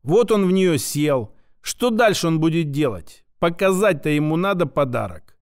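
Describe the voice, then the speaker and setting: A man's voice: a little high, very animated, normal speed. A man voicing a sarcastic, abrasive plump female scientist who mocks and lectures. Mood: scornful. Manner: mocking, name-calling, lecturing.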